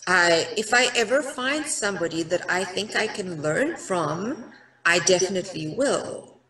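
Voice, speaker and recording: Over a headset on a video call, a middle-aged actress with a South African accent chats as an interview guest in a bright room. Her female voice is fairly low and a little slow, her manner relaxed and self-deprecating with plenty of ums. The casual interview audio is roomy and distant-sounding.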